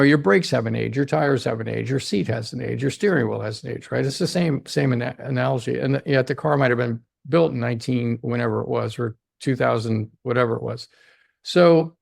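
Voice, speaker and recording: Gravelly-voiced man explaining with emphasis. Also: mid-range voice, darkish tone, dry recording, studio quality. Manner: emphatic, often ends points with "right?". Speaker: longevity doctor, podcast guest. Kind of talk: explanatory interview talk.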